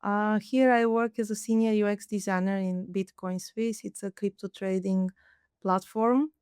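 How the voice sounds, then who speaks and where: A woman from Bulgaria, a UX mentor, explains things calmly in a webinar. Her voice is smooth and clear at a middle pitch. The sound is dry and close. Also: normal speed, no room sound. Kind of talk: webinar talk.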